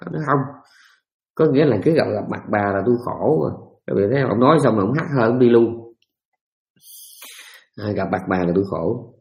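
A man's voice: fairly low pitch, brisk, vocal fry, long pauses, dull audio. Male Buddhist teacher, conversational sermon, repeats himself often. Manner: folksy, repetitive, conversational. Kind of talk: dharma talk sermon.

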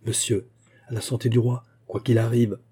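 A man voicing a weary, fallen male minister in an audiobook, measured and solemn. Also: mid-range voice, flat delivery, dark tone, slightly rough. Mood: grave.

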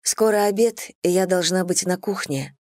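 Woman reads a headstrong young woman, pitched up, insistent and agitated. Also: normal speed, a little mellow, dry recording, clean studio sound, natural voice. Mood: impatient. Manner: higher, agitated, insistent delivery. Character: young woman, tense, impatient, stubborn.

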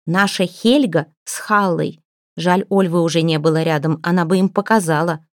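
A lively young chieftain's wife, voiced by a female storybook reader. She tells her news eagerly. The voice is a little low and close, with a dry sound. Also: moderate pace, dry recording, natural voice. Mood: excited.

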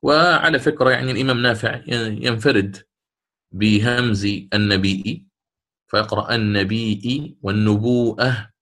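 A man's voice: mid-range voice, normal speed, a bit bright. Guy teaching quran reading rules, goes over stuff step by step, sings the examples. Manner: explains step by step, repeats points, chants examples.

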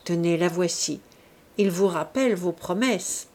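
A woman's voice: fairly low pitch, a little slow, a little mellow. A woman reading an audiobook, voicing a proud young society woman who mocks and teases her suitor. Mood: cool. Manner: teasing, scornful.

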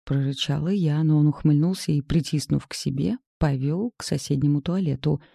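A woman's voice: sits low, normal speed, vocal fry, dark tone, husky, no room sound, clean studio sound. A woman reading a first-person romance story as an audiobook narrator, acting out the dialogue.

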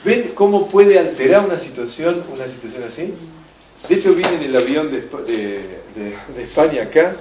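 A man with a Rioplatense accent lecturing a class, emphatic and lively, often checking that his audience understands. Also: fairly high pitch, moderate pace, slight background noise. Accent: Rioplatense Spanish. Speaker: enneagram teacher. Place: classroom or hall with a live audience. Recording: echoey room, mic from a distance.

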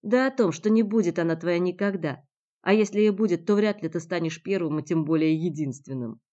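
A woman's voice: fairly low pitch, a little fast, dark tone, close to an everyday voice. A woman narrator voicing a spiteful young man who taunts and sneers. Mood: sneering. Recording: dull lo-fi recording.

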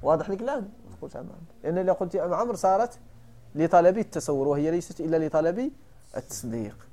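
A man's voice: a little high, animated, very fast, warm tone. A man with a Moroccan accent, a sheikh teaching a classical text, who keeps quizzing his students and repeating the key points. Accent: Moroccan Arabic. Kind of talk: classroom lesson explaining a text.

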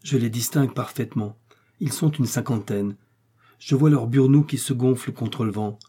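A man voicing an excitable adult male hunter in an audiobook, speaking with urgent agitation in a husky voice. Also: mid-range voice, normal speed, close to an everyday voice. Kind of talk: audiobook character reading.

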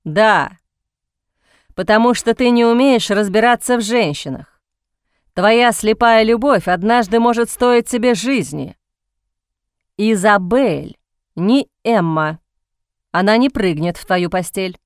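A woman's voice: medium pitch, slow pace, long pauses, clear, resonant tone, no echo, clean studio sound. A woman voicing a cynical aristocratic older brother who drawls with mocking sarcasm, in a storybook reading. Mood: cold, contemptuous.

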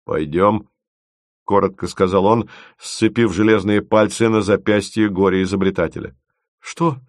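A man's voice: on the low side, level tone, moderate pace, dry recording. Man reading an audiobook, dry close sound. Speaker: audiobook narrator. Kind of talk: scripted audiobook narration.

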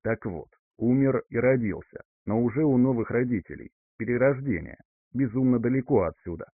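A male reader voicing a composed young man calmly breaking news to his parents, recorded dry with a narrow, phone-like sound. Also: medium pitch, moderate pace, dry recording, lightly acted. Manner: composed, level-headed. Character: calm reborn young man returning home.

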